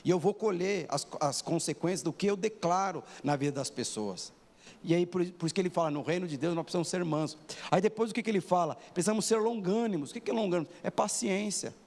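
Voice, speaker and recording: A man's voice: sits high, fast, darkish tone. A man in his forties preaching a sermon in a church, often asking the congregation rhetorical questions. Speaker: pastor. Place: church hall. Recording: long hall reverb.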